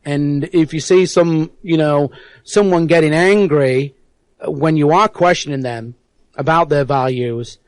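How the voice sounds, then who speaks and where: A man's voice: a little high, unhurried, no room sound. A man from England with a hard-to-place English accent tinged with American, talking earnestly as a guest on an internet radio interview and often repeating words as he searches for them. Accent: hard-to-place English accent with some American. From England (South Yorkshire).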